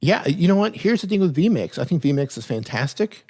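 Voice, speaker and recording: This live-stream host's voice is a little high, husky and somewhat mellow, very animated but at a moderate pace. He reads questions from viewers out loud and replies casually with straightforward advice, often stopping to correct himself mid-sentence.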